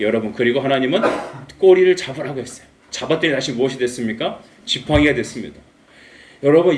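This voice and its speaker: A male pastor preaching a Sunday sermon in a church, lively and humorous, acting out the characters' lines. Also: medium pitch. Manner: animated, acts out dialogue with humor. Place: church sanctuary. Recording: echoey room, mic at a distance.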